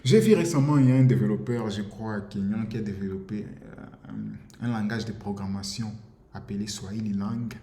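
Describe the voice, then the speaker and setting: Speaking at a normal pace in a warm, lowish voice, a Congolese commentator from the DR Congo gives an impassioned monologue that is insistent and repetitive, with frequent stumbles over words. Slight background noise, faint ambience, and a roomy echo surround him.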